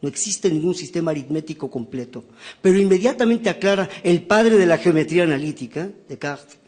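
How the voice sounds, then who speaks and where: Man, somewhat high voice, professorial author talking through his book, keeps checking in with the crowd. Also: a little mellow. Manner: professorial, rhetorical questions and tag questions. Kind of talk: lecture-style book presentation.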